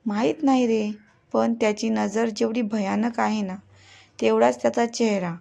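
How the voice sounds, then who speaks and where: A woman's voice: on the high side, fairly even intonation, unhurried, gravelly, mellow. A woman reading a frightened young woman. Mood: anxious. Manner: anxious, confiding.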